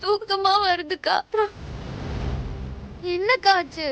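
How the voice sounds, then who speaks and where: A woman's voice: very high-pitched, steady tone, slight background noise. Indira, a dazed young woman. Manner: groggy, pleading, drawn-out cries. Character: dazed young woman after a drugged drink. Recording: TV serial with loud music under it.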